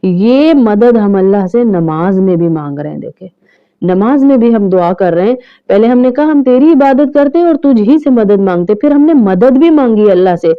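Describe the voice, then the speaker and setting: A woman teaching recitation step by step, chanting the verses slowly and drawn out, then explaining each point briskly with rising emphasis. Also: medium pitch, lively intonation, clean tone, narrow, tinny audio. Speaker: religious teacher.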